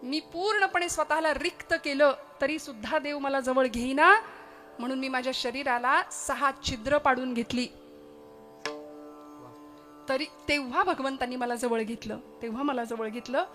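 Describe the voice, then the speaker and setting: A woman's voice: sits high, normal speed, a bit bright, faint music behind. A woman telling it as a humble bamboo flute. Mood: earnest.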